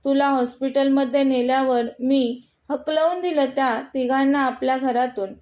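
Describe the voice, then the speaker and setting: A woman's voice: sits high, steady tone, moderate pace, darkish tone, dull audio, close to an everyday voice. A stern domineering mother, as a woman narrator puts her on. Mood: stern, dismissive. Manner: blunt and unapologetic. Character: stern domineering middle-aged mother, disapproving.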